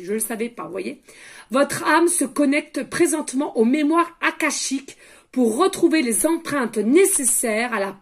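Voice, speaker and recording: A woman working as a medium, giving a chatty oracle card reading with frequent asides to her viewers, and dropping to a murmur when she asks the universe for messages. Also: high voice.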